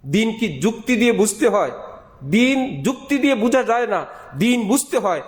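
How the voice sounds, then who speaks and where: A man's voice: sits high, sing-song, normal speed. A male preacher giving a sermon, emphatic, repeating key phrases and asking rhetorical questions. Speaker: Islamic preacher. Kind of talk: Bengali waz sermon.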